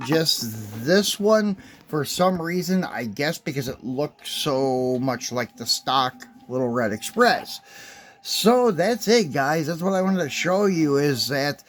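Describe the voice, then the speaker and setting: A man with a somewhat high-pitched voice talks through an unboxing of collectible model trucks. His delivery is loose and chatty, full of fillers and little asides. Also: expressive, slow pace, fairly bright tone, a little hiss or hum. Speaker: die-cast collector reviewing toys. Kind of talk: casual unboxing review.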